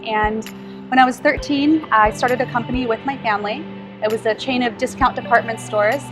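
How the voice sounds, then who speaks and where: A woman's voice: a little high, normal speed, over music. A woman startup co-founder answering interview questions in a friendly, earnest way, with frequent ums. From Philippines and Canada.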